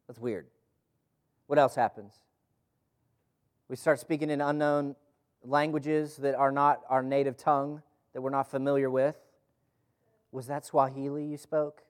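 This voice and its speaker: A man with a smooth, mid-range voice speaks a little slowly, pausing often and with little pitch movement. Leading a group Bible study in a room, he gives an informal sermon with scripture reading, repeating phrases for emphasis and posing rhetorical questions.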